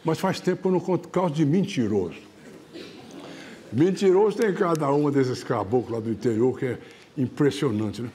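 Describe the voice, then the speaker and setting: A man's voice: medium pitch, lively intonation, moderate pace, dark tone, a little hiss or hum. A man hosting a show, telling folksy tales in a chatty way with frequent tag questions. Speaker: TV show host. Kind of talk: folksy storytelling.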